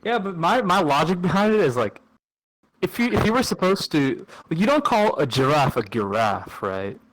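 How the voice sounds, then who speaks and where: A young man hosts a relaxed podcast chat with friends. His voice rises and falls a lot, and he keeps a playful, joking tone while he asks questions. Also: high voice, moderate pace, rough recording. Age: young adult. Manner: animated, playful, trails off with laughs. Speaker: podcast host asking questions. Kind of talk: casual chat.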